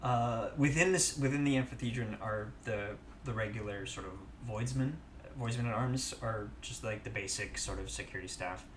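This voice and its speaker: A man narrating as game master of a tabletop game, halting, with frequent restarts and easy chuckles. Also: on the low side, slight background noise. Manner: halting, many fillers and restarts, relaxed chuckles.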